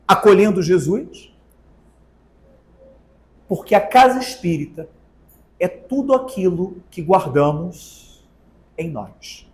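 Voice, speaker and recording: A man with a Brazilian accent giving a spiritist talk to an audience, asking rhetorical questions and drawing out words for emphasis. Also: high-pitched. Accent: Brazilian Portuguese. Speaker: spiritist lecturer. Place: spiritist center meeting hall. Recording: echoey hall.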